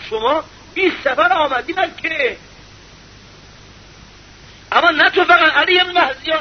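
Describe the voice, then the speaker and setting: Really high-pitched guy preaching hard, lots of rhetorical questions, bit muffled w faint hiss. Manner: impassioned, rhetorical questions, bursts of shouting. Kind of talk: sermon.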